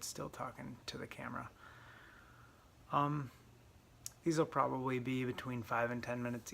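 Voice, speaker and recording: Flat, gravelly young man, hesitant. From Southeast Michigan. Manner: hesitant, many ums, flat and low-key. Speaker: vlogger. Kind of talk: rambling solo monologue to camera. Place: parents' garage, dim.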